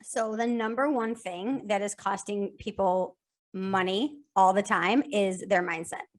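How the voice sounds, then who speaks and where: A woman appears as a podcast guest and talks about sales in a casual, energetic way. She repeats phrases in lists and often starts over. Her voice sits in the mid range, and she speaks unhurriedly.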